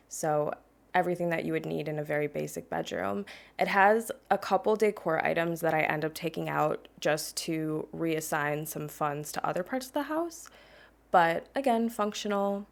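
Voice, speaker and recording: Soft-spoken woman with low vocal fry. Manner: chatty, relaxed. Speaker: Sims building channel host. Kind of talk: quiet voice-over commentary on a speed build.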